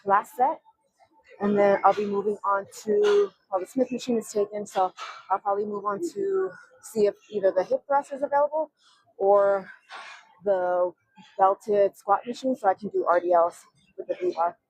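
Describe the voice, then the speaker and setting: Breathless young woman, husky and dry-miked, counting reps mid-set in a gym. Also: mid-range voice, moderate pace, a little mellow, dry recording, rough recording. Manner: strained, breathy counting between effort grunts. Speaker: fitness vlogger. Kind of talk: counting reps during a workout.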